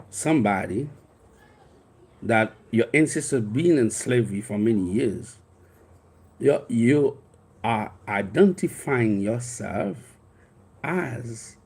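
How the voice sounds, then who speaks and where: A man in his fifties, a Haitian life coach who speaks with a Haitian accent and whose first language is Haitian Creole, earnestly recounts a personal story, rambling and frequently starting over. His voice is medium-pitched, warm and breathy.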